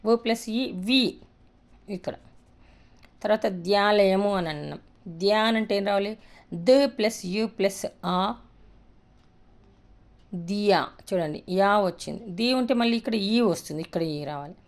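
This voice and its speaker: A woman's voice: medium pitch, normal speed, long pauses. A woman teaching a beginners' writing lesson, patiently sounding out letters one by one.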